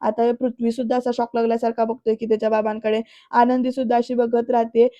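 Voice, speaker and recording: Woman recapping a serial episode for her viewers, high and flat in tone, on a slightly muffled recording. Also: fast. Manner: chatty retelling that addresses the viewers. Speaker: serial reviewer.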